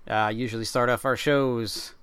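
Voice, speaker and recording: A man hosting a casual podcast, his voice smooth and resonant at a mid pitch. The sound is close and dry with no room echo. He talks in a relaxed, jokey way and leans on "um". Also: moderate pace. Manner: relaxed, jokey introductions with many "um"s. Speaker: podcast host.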